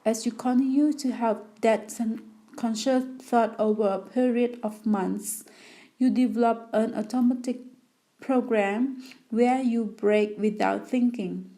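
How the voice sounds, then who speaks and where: Slow, mellow-voiced woman reading aloud. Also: a little high, steady tone. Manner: slow, careful reading with small restarts. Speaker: audiobook narrator. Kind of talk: read self-help narration.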